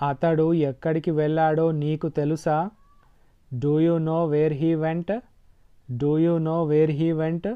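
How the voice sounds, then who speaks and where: A man whose first language is Telugu, with a Telugu accent, teaches everyday English sentences in a slightly high, flat voice. He speaks each line slowly and repeats it for learners. His tone is smooth, and the audio is dull and lo-fi. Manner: slow, deliberate repetition. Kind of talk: slow sentence drill, Telugu then English twice.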